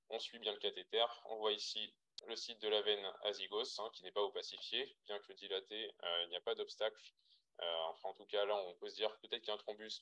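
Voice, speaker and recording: A man's voice: lowish voice, pushed and bright, low-quality recording. A man with a French accent giving a webinar slide lecture to trainees, hesitant with frequent fillers and restarts, heard through a computer mic. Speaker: radiologist giving a webinar talk.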